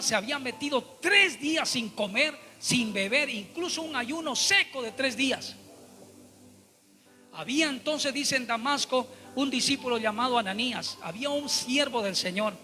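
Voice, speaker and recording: A man's voice: very high-pitched, moderate pace, pushed and bright, in a large hall. A man preaching a Bible study sermon, emphatic and repetitive, often turning to address his listeners as brothers.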